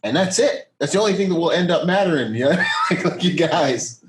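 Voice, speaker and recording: An American man hosts a podcast, chatting casually in interview style with enthusiastic, slangy, emphatic energy. His voice sits a little high and is animated and brisk, with background noise present.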